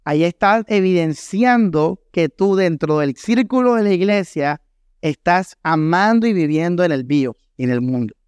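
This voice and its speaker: A male pastor delivers an emphatic sermon with a Colombian Caribbean Spanish accent, often turning to ask his listeners questions. His voice sits somewhat high and sounds smooth and clear. The recording is close and dry, with very little room sound. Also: a little mellow, no room sound. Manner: emphatic preaching with rhetorical questions to the congregation. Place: church hall.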